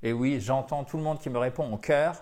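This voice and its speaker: A French-speaking man giving a lively English vocabulary lesson, chatty with his viewers and repeating words to drill their pronunciation. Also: mid-range voice, a little fast. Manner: chatty, addresses viewers as dear friends. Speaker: English teacher.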